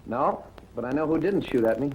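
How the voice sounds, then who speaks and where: An actor playing a sarcastic ex-cop private detective with a Brooklyn accent, in 1940s film acting with a breezy, wisecracking delivery. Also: male voice, mid-range voice, animated, brisk, dull audio, close to an everyday voice. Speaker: private investigator. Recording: old film soundtrack with faint hiss.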